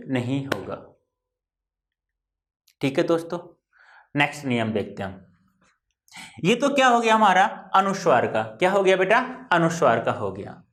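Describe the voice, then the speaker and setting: High-voiced man teaching patiently. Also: fairly bright tone. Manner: repetitive, drawn-out explaining, addressing students as "beta". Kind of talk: classroom-style Hindi spelling lesson.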